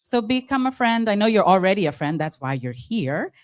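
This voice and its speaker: Emceeing a live charity event, this woman from Guyana speaks with a Guyanese accent and a lively energy as she coaxes the audience. Her pitch is mid-range and her pace fairly quick.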